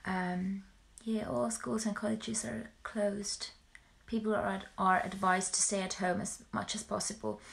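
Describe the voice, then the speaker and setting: A young woman from Finland talks casually to followers on a livestream. Her voice sits at a medium pitch. She speaks in a halting, hesitant way, often repeating words as she finds the next thought. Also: flat delivery, vocal fry. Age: young adult. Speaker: musical performer livestreaming to followers. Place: small bedroom at home, indoors. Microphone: phone or webcam at arm's length.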